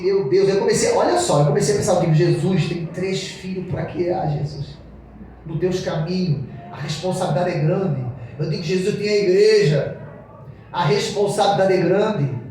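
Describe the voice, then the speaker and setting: A male pastor with a fairly high voice preaches, telling a story and voicing its people with earnest feeling. He sounds far from the mic, in a very echoey church with a faint hiss of noise behind him. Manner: earnest storytelling, acting out dialogue. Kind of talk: sermon with personal testimony.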